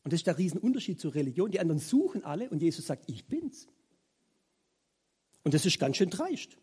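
Male preacher, informal and animated, slightly husky. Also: fairly high pitch, racing. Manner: animated, informal, with many filler words. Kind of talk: conversational sermon.

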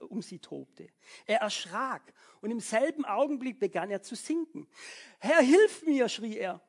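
A man's voice: high-pitched, slightly rough. A man preaching a sermon in a conversational way, often checking in with "ja?" and acting out people's thoughts. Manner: conversational, frequent "ja?" tag questions; acts out people's inner thoughts.

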